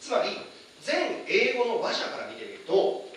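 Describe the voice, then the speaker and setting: High lively guy lecturing a crowd, mic far off, big echoey room, bit of hiss. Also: measured pace. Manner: animated, asks the audience questions, many fillers. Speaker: English teacher giving a lecture.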